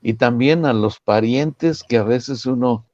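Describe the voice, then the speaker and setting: Un hombre con acento mexicano que comenta temas religiosos en una charla, contando anécdotas con muchas preguntas retóricas. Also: male voice, mid-range voice, unhurried, no echo, muffled recording. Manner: lively, lots of rhetorical "¿no?" and "¿verdad?". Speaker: church member commenting. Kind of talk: religious discussion, storytelling.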